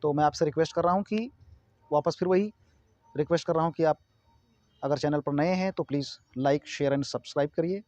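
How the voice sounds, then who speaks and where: A man giving a casual English pronunciation lesson, slowly spelling words out letter by letter and repeating them. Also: fairly high pitch, darkish tone, no echo, muffled recording.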